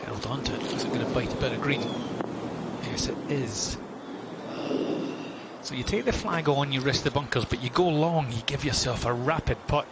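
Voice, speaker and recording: A male golf commentator calls play live. His voice is middling in pitch, and clear outdoor ambience runs behind it. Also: animated, normal speed, heavy background noise.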